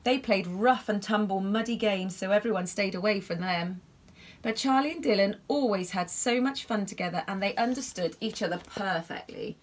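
A woman reads a bedtime story to young children in an expressive, animated way. She gasps at the exciting parts and keeps stopping to ask little listeners what they can see in the pictures. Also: mid-range voice, moderate pace. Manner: expressive, gasping, asks the listener questions about the pictures.

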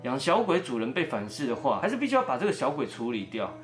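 Animated man telling a ghost story. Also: mid-range voice, fast talker, soft background music. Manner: animated, acts out every quoted voice. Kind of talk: first-person ghost story narration.

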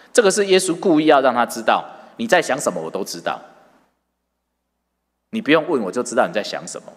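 A man preaching a sermon, retelling the story lively and asking his listeners questions. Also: medium pitch. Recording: long hall reverb.

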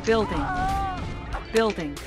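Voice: mid-range voice, slow pace, lightly acted. An actor playing a composed battlefield announcer in a video game, clipped and formal. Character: composed battlefield announcer reporting base status. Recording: game audio under loud music.

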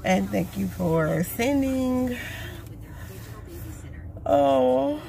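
A woman's voice: high voice, animated, vocal fry, mellow. A woman sharing her daily thoughts in a casual, rambling video diary, earnest and encouraging, with lots of fillers. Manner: rambling and unhurried, many fillers. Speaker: vlogger. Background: radio playing in the background.

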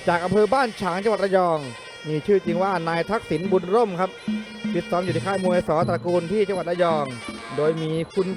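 Male co-commentator for Muay Thai, high register, excited analysis over clear background music.

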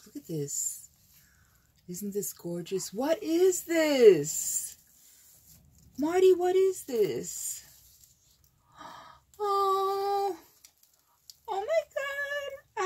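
A woman's voice: lowish voice, darkish tone, breathy edge. A woman hosting a craft unboxing vlog, gushing and exclaiming over each item she shows. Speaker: craft channel host.

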